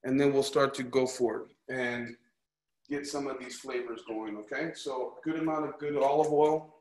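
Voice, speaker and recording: Speaking at normal speed with fairly even intonation, this man has a mid-range, slightly mellow voice. He runs an informal cooking class in an echoey, noisy room, chatting encouragingly and asking "right?" and "okay?" often while he demonstrates.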